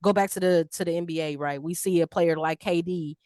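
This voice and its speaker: Woman co-host, animated and slangy, dry close sound. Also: on the low side, a little fast, no echo. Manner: animated, slangy, playful voices for players. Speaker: podcast co-host. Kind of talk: casual sports chat.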